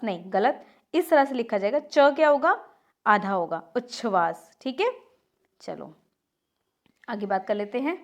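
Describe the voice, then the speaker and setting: A woman teaching Hindi spelling for exams, correcting word after word and asking questions she answers herself. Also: a little high. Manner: drills corrections, asks and answers own questions; has listeners repeat words aloud. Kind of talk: exam-prep lesson.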